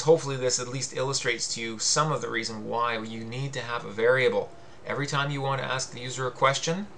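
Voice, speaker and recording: A man's voice: mid-range voice, fairly bright tone, a little hiss or hum. A male teacher talking through a coding screencast, patient and explanatory, reading out on-screen prompts as he goes.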